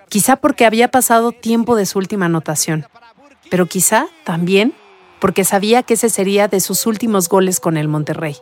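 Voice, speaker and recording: A woman narrating a sports documentary in a measured, scripted delivery. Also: mid-range voice.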